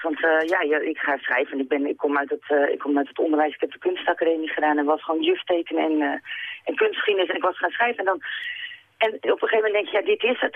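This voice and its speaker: A woman's voice: deep voice, slightly rough, no room sound. A woman who writes children's books, chatting as a guest in an interview, enthusiastic and full of restarts. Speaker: children's book author, guest. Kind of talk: casual phone interview. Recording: tinny phone line.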